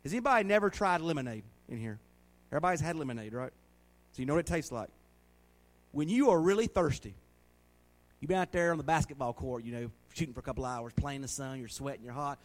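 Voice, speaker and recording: A man's voice: mid-range voice, animated, fast. A middle-aged man preaching a sermon in a folksy, conversational way, asking the congregation questions. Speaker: pastor.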